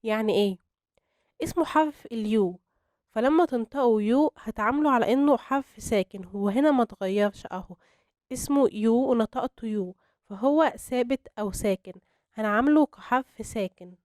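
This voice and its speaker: A young woman with an Egyptian Arabic accent teaching English grammar to beginners, explaining step by step and slowing down on her examples. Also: a little high, a little mellow, no room sound, studio quality. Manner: patient, step-by-step explanation with slow spelled-out examples.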